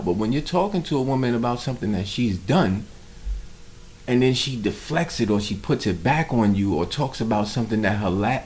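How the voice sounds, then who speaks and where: A man's voice: lowish voice, a little hiss or hum. A man hosting a reaction video, giving casual commentary in an emphatic, preachy way.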